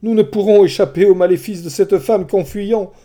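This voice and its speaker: A man's voice: sits high, fairly even intonation, normal speed, mellow, voice pushed up, close to an everyday voice. A man voicing a frightened sailor who pleads urgently to flee, in a storybook reading. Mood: pleading, panicked.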